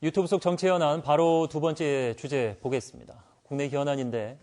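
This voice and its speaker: A man hosting a political panel discussion, speaking in a measured way with hesitant fillers. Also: fairly high pitch, steady tone, darkish tone. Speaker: talk show host.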